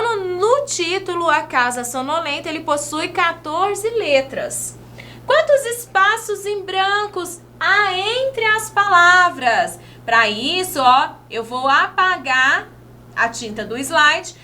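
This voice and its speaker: A woman from Brazil teaching young children in a video lesson, talking slowly in a sing-song way and stretching words out as she spells them. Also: high voice, sharp tone, slight background noise.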